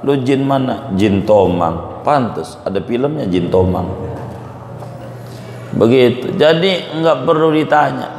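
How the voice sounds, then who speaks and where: A man's voice: medium pitch, gravelly, darkish tone. A man with a Betawi Jakarta accent teaching a religious study lecture, making folksy jokes to the audience. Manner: folksy joking asides to the audience. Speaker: Islamic teacher. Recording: echoey hall with faint room noise.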